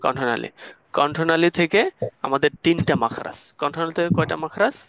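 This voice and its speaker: A man's voice: fairly high pitch, animated, normal speed, creaky, a bit bright, dry recording. Patient male tajweed teacher. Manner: patient, explains step by step with recited examples; asks students questions to check understanding. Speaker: Quran recitation teacher. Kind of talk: online tajweed class.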